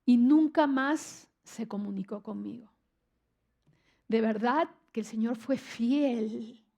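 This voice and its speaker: An older woman preaching a church sermon, telling a personal testimony in an earnest, emotional way with frequent halting restarts. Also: on the high side, gravelly, mellow.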